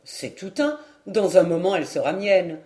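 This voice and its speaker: A woman's voice: lowish voice, normal speed, warm tone, lightly acted. A woman voicing a proud male knight in a storybook reading, speaking in a courtly, boastful manner.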